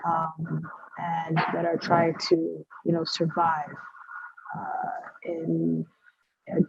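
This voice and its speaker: Soft-trailing woman, husky and muffled. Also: low-pitched, takes it slowly, no echo. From Canada. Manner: relaxed, trails off softly, many fillers. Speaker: guest. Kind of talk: casual interview chat.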